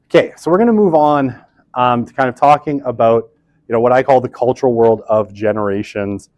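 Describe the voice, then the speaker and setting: Speaking briskly at medium pitch in a slightly mellow voice, a man in his thirties gives a relaxed university lecture in an old lecture room. The recording is dry, and his weakly picking-up podium mic catches his chatty, self-deprecating delivery packed with fillers.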